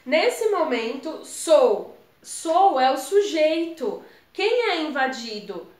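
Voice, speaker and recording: A Brazilian woman with a high voice walks viewers through exam grammar in a relaxed, chatty way. The room around her is echoey. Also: takes it slowly. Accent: Brazilian Portuguese. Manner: chatty, addresses viewers as gente. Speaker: exam prep tutor. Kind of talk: casual explanatory lesson.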